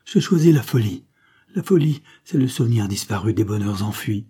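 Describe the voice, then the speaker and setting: A man's voice: fairly low pitch, lively intonation, normal speed, mellow, slightly rough. A man voicing a cowardly, scheming young nobleman who pleads and then turns defiant, read in a storybook. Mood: resigned.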